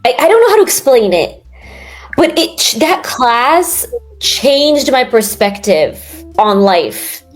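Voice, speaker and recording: A woman's voice: high voice, very animated, slow, faint music behind. A young woman from New York in a casual interview, talking in a rambling way with lots of fillers and restarts. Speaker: guest.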